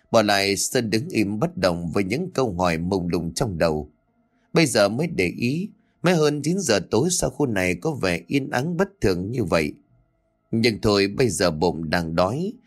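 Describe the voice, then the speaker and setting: A man narrating a ghost story in a dramatic, suspenseful way. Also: on the low side.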